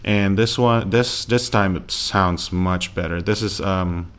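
A man's voice: low voice, takes it slowly, a bit bright, clean tone. A man casually talking through a microphone he is reviewing, rambling with many fillers and restarts, close to a USB desk mic at home. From Philippines. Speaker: tech reviewer. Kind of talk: casual unboxing commentary. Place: home room with laptop fan. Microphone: USB desk microphone held close.

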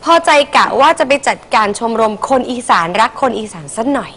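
A woman's voice: fairly high pitch, expressive, fairly quick, lightly acted. An actress playing a chirpy, chatty young woman in a sitcom. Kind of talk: sitcom acting.

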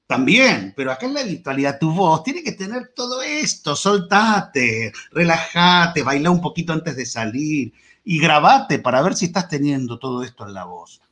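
A man giving an animated, playful online lecture to teachers over a video call from a lit room at home. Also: fairly high pitch, normal speed. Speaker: guest lecturer. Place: home room with green wall and lights.

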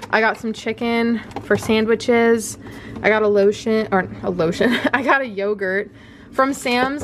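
A woman in her twenties chats casually in a home vlog filmed in her kitchen, laughing often and saying "like" and "um" a lot. Her voice is mid-range, recorded on a phone camera with slight background noise.

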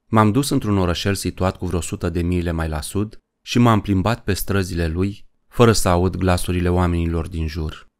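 Man, very deep voice, audiobook narration, measured and even.

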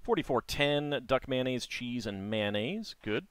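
Animated man doing casual gaming commentary. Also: medium pitch, a little slow, clean tone, no echo. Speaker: gaming video host. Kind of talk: casual let's play commentary. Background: game music.

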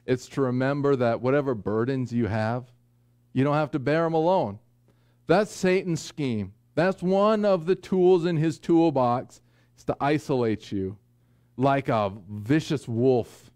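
A man in his forties preaching a sermon from a small church pulpit, earnest with folksy asides and slow, deliberate emphasis. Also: mid-range voice, a little mellow, smooth, no room sound, clean studio sound. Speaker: pastor. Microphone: pulpit microphone, far camera.

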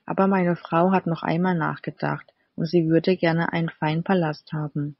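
Brief: a timid, henpecked fisherman in a fairy-tale storybook, read by a woman; hesitant, husky. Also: deep voice, steady tone, normal speed, no echo. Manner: hesitant, apologetic. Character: timid poor old fisherman, meek. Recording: slightly dull, dry recording.

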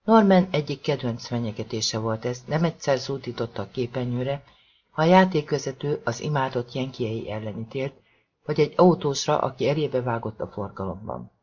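A man's voice: medium pitch, expressive, a little mellow, slightly rough, dull audio. A man narrating a suspenseful novel in a dramatic audiobook reading.

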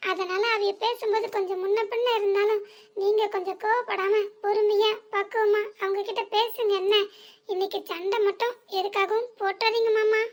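A crafty young daughter-in-law in a village cartoon comedy, speaking with a southern Tamil accent. She coaxes and fakes concern in a pleading tone. Her voice is pitched extremely high. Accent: southern Tamil, Tirunelveli area. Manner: wheedling, fake-pleading.

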